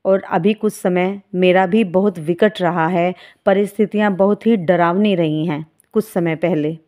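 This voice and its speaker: This woman, lowish in pitch and a little slow, delivers a calm devotional talk as a spiritual guide. Her manner toward her followers is motherly, and she refers to them as children.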